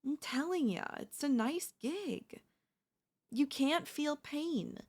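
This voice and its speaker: Played by a woman, this chatty zombie girl coaxes and reasons in an offhand, conversational way, her pitch bouncing lively even as she speaks slowly. The sly, comedic roleplay carries a mood of friendly persuasion.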